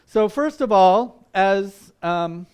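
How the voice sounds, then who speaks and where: A man's voice: high-pitched, expressive, takes it slowly, darkish tone, smooth. A man in his sixties whose first language is Vietnamese, giving a friendly, conversational missions talk at church with many ums and uhs. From Vietnam and Malaysia. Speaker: visiting missions speaker. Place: church meeting room.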